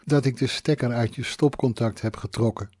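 A man's voice: medium pitch, steady tone, normal speed, darkish tone, breathy edge, dry recording, clean studio sound, natural voice. A man voicing a drunk, tearful young woman singer who pleads in a whiny, raised voice. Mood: pleading.

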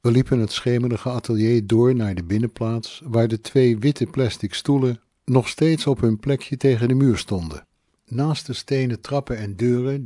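A man reading a novel aloud as audiobook narrator, calm and even. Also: mid-range voice, no echo, clean studio sound. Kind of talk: scripted narration.

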